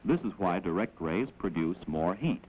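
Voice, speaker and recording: A male narrator from a 1940s American film speaks in a low, animated voice, measured and instructive as he explains. The old 16mm soundtrack sounds dull and noisy.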